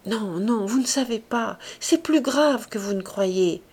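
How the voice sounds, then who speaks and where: A woman's voice: on the high side, expressive, unhurried, a little mellow, breathy edge. A woman reading the lines of an anxious, tearful former hotel keeper in an audiobook, in a pleading, distressed voice.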